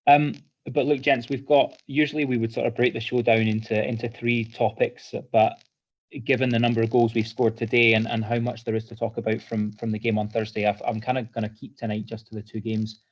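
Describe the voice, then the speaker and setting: A man's voice: mid-range voice, flat delivery, brisk, poor audio. Male podcast host, level-toned, self-deprecating chat.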